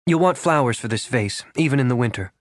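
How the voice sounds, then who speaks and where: A man voicing an anxious young woman who is orderly yet flustered, speaking fast and rising in pitch. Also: lively intonation, no echo, natural voice. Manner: quick, rising, flustered delivery. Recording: dry close studio sound.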